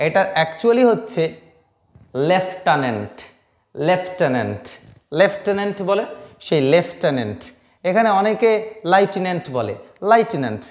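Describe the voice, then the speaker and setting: A man's voice: high voice, echoey room. A man from Bengal teaching English pronunciation, repeating each word emphatically to drill it. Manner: emphatic, repeats words slowly to drill them. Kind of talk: pronunciation lesson.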